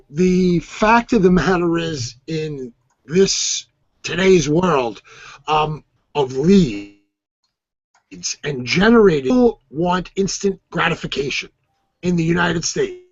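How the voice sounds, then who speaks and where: A man's voice comes through a muffled online call that keeps dropping out and sounds underwater. He speaks slowly, in halting, stretched-out phrases, a bit high in his range and husky. The signal is dry and dull. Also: no room sound. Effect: audio cutting in and out, sounding like underwater. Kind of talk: casual panel chat.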